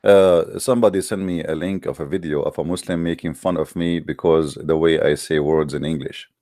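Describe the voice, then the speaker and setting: A man's voice: a bass voice, fairly even intonation, a little fast, warm tone, no room sound, studio quality. A man from the Middle East, a native Arabic speaker with an Arabic accent in English, hosting a religious call-in debate with a combative, boastful, emphatic monologue in short phrases.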